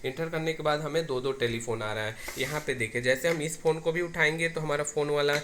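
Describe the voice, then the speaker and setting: His voice on the high side, brisk and fairly bright, this man demonstrates a technical setup in a hands-on tutorial. He repeats himself and restarts phrases as he goes, and clicks and noise mar the amateur recording.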